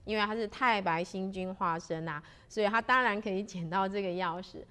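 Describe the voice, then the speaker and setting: A woman's voice: medium pitch, pushed and bright, clear, resonant tone. A woman tells a spiritual moral story to fellow practitioners. She speaks unhurriedly and draws out the particles at the ends of her phrases. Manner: unhurried, sentence-final particles drawn out. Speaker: religious storyteller.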